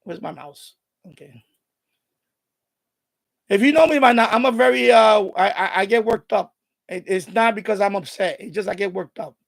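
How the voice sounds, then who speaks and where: A creaky-voiced man in his fifties, born in Puerto Rico and raised in the Bronx, talks with a heavy Bronx New York accent at a moderate pace, pausing often. He's chatting casually on his radio hobby live stream, animated, intense, and worked up.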